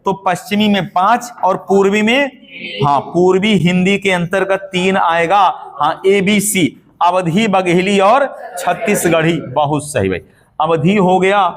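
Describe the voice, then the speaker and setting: A man with a high, light voice runs an exam-prep lesson. He keeps asking his students questions and says each answer again and again so it sticks. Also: a little slow. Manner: drills answers with repeated questions. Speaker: teacher.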